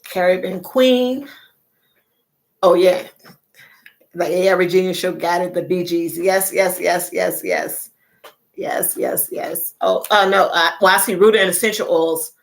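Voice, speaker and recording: A woman's voice: on the low side, flat delivery, unhurried, vocal fry. A middle-aged woman hosting a casual livestream chat, chatty, repeating phrases and laughing often. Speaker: livestream host.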